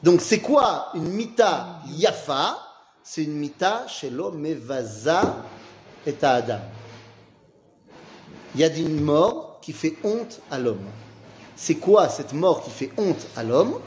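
Animated, questioning male Talmud teacher. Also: fairly high pitch, takes it slowly, a little hiss or hum. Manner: animated, asks questions and answers them himself; casual and slangy. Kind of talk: informal Talmud class with students.

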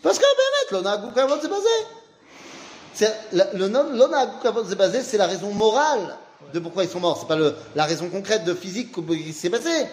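A man's voice: high voice, very animated, fairly quick, a little hiss or hum. A man teaching an informal Talmud class, asking questions and then answering them himself in a casual, slangy way.

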